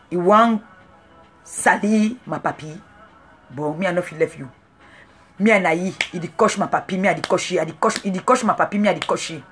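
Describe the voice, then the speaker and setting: Slow, rambling woman. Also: medium pitch, breathy edge. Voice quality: rambling, excitable delivery. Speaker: self-styled chancellor. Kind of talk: comic rant to camera.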